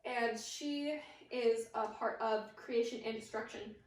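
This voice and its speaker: A young Midwestern woman talks through a class presentation in a slightly high voice, hesitant and chatty, dropping fillers and little jokes at her own expense. She sits some way back from the mic, and the room answers with a noticeable echo. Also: slow. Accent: Midwestern American. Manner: chatty and hesitant, many fillers and self-deprecating asides. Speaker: student presenter. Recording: echoey room, mic far off.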